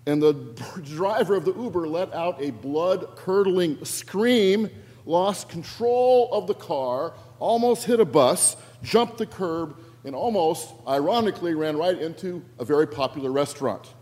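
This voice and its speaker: A male pastor delivers a sermon with a fairly high voice, shifting between hushed reflection and lively storytelling. His words ring out in a church sanctuary with a long reverb tail. He acts out quoted lines with playful energy. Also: measured pace.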